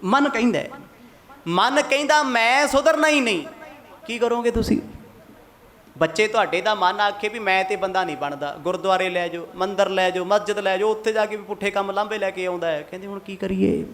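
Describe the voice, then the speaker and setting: A high-pitched man preaching a Sikh katha sermon to a congregation. He is from Mohali in Punjab. He keeps putting pointed questions to his listeners and slips into the voices of the people he quotes. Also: fairly quick, a bit bright. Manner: asks the congregation rhetorical questions and acts out quoted speech.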